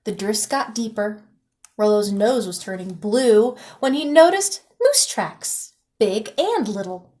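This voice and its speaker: With a medium-pitched voice and a slow pace, a woman teacher brings a children's picture book to life, reading it aloud in an animated, expressive storytelling style.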